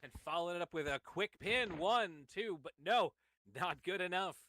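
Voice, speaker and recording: A man calls a wrestling match blow by blow. His voice sits a little high and comes across bright and forceful. He gets excited as the moves land. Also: moderate pace, slight background noise. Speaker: wrestling commentator. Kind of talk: play-by-play commentary.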